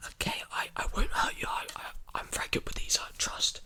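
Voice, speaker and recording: A young adult ASMR performer plays a robot repair technician, whispering breathily and soothingly into a large desktop condenser mic held very close, repeating phrases. His delivery is fairly quick with a bright, forceful tone, in a small indoor room with clothes hanging behind him.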